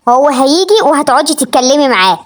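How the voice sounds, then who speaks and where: A woman's voice: high-pitched, sing-song, fast talker. A woman playing an exasperated middle-aged mother with an Egyptian accent who scolds and nags her daughter. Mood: scolding. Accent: Egyptian Arabic. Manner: scolding, nagging.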